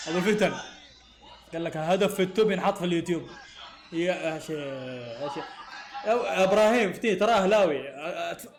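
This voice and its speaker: Guy yelling at a football match, high voice, talks super fast, echoey room. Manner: excitable, exasperated, laughing often. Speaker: football fan reacting to a match. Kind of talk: live match reaction.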